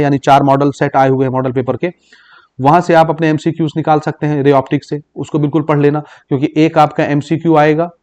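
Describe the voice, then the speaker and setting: Slightly mellow and on the high side, this man's voice leads an exam-prep physics lesson. He's from Chhattisgarh, India, blending English terms into Hindi explanations, often checking in with "ठीक" ("okay?"), and reading English questions out slowly.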